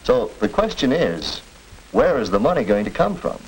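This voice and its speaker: A man's voice: mid-range voice, wildly swooping pitch, vocal fry, low-quality recording. An actor playing a reasonable middle-aged father in a formal, stagey 1940s educational film. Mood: serious, concerned. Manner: formal, deliberate. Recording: hissy 1940s film soundtrack.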